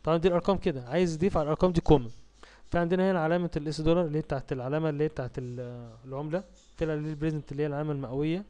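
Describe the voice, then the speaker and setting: A man with an Egyptian Arabic accent teaching a spreadsheet tutorial over a screen recording, reading English task steps slowly and asking himself questions as he clicks through. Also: on the high side, warm tone. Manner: asks and answers his own questions while clicking through steps; reads English task text slowly, then explains. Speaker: software tutor.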